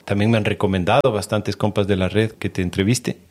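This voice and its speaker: A man's voice: on the low side, fairly even intonation, a little fast, a little mellow, no room sound. A man hosting a podcast, talking in a casual, enthusiastic and informal way. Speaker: podcast host.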